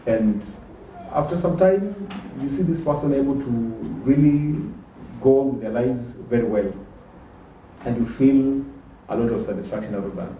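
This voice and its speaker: A man, a doctor, calmly explaining things as a guest expert on a talk show. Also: medium pitch, normal speed, muffled recording. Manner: explanatory, calm. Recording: distant, echoey with faint hum.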